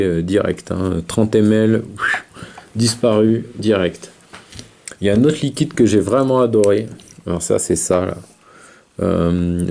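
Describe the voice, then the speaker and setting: Male reviewer, low dark voice, relaxed and halting delivery. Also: gravelly. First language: French. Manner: hesitant, many fillers, talks while vaping. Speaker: vape video reviewer. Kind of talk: casual chat.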